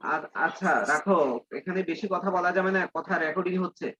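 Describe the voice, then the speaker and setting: Male teacher, patient and explanatory, bright tone over a dull lo-fi line. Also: high-pitched, level tone, a little hiss or hum. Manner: reads English slowly, then explains in Bengali. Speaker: English teacher. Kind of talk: online class lesson.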